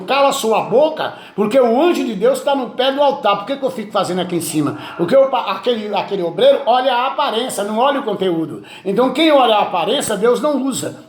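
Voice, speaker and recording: A man, a pastor telling a testimony and acting out the dialogue. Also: very high voice. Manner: storytelling, acts out dialogue. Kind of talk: testimony preaching. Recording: echoey room.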